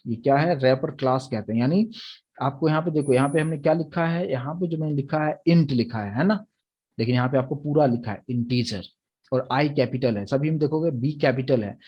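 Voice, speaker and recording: A man's voice: medium pitch, fairly quick, breathy edge, muffled recording. A young man teaching a programming lecture, explaining step by step and often checking that the students follow. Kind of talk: recorded Hindi lecture on Java.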